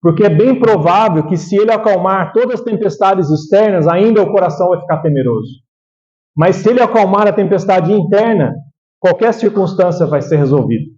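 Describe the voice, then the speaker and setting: A man's voice: sits high, animated, a little fast, darkish tone, lo-fi sound. A man with a Brazilian Portuguese accent preaching a sermon, talking conversationally and checking in with the congregation. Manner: conversational, keeps asking the congregation "né?". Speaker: pastor.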